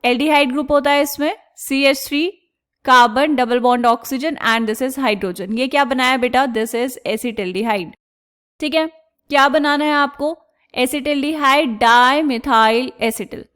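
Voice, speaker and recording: A woman explains chemistry reactions step by step in a clear, smooth, high voice. She keeps asking the class questions and answering them herself, and stretches out each technical term slowly. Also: fairly bright tone. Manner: slows down and stretches out technical terms. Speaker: chemistry teacher.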